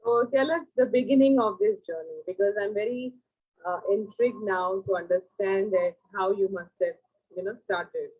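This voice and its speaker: Woman host on a tinny call, kinda husky, polite, trips over words reading the intro. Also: medium pitch, normal speed. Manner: polite, stumbling while reading aloud. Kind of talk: reading an introduction, then interviewing. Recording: thin phone-like line.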